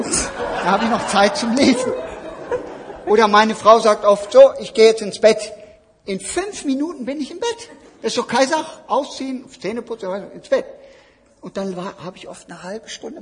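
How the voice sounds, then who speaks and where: A man's voice: very high-pitched, lively intonation, normal speed, a little hiss or hum. A man telling humorous everyday anecdotes about his marriage to an audience. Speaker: co-speaker, husband of the other speaker. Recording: long hall reverb.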